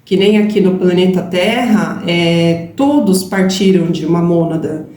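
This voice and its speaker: A woman co-hosting a spiritual talk, explaining calmly and affirming her partner's points. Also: fairly low pitch, a little slow. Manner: calm, affirming explanations with "gente" and "né?". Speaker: spiritual channel co-host. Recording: roomy with faint background hiss.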